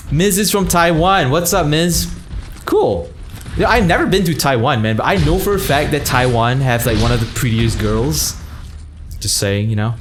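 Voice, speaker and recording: A young man from Malaysia rambles through a casual livestream chat, his pitch jumping around animatedly as he thanks viewers. A faint hum of room noise sits behind him. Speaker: streamer.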